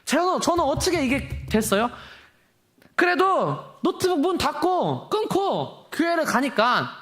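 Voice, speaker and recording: Young man, preacher, sermon, high voice, very animated intonation, rhetorical questions. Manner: impassioned, rhetorical questions, quick swings in pitch and volume.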